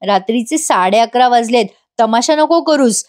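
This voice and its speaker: A woman's voice: a little high, lively intonation, moderate pace, a little mellow, natural voice. Irritated defensive young husband, curt, read by a woman. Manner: curt, snapping.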